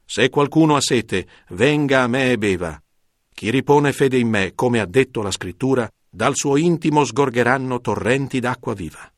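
A calm, authoritative male teacher speaks in a measured, solemn way, as a man reads his lines. The voice is low and a little husky, set dry and close with no room around it. It sounds like a scripted Bible reading. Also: dry recording, close to an everyday voice. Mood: proclaiming.

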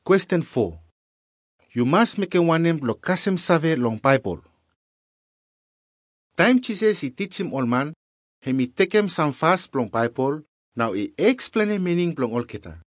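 A man's voice: a little high, big pitch swings, measured pace, pauses often, no echo, studio quality. A man with a Melanesian Pidgin accent, narrating a scripted Bible lesson as its presenter.

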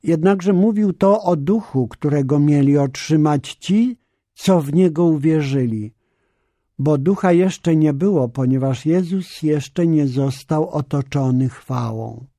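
A man reading the Bible aloud as narrator, in a steady, solemn, deliberate delivery. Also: a little high, no echo, clean studio sound. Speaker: scripture reader.

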